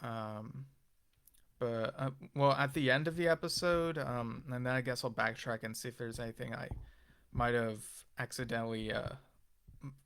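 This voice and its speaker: Hesitant man with a flat, smooth voice. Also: mid-range voice, normal speed. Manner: hesitant, thinking aloud with many fillers and restarts. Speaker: TV episode reviewer and channel host. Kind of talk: casual spoken review.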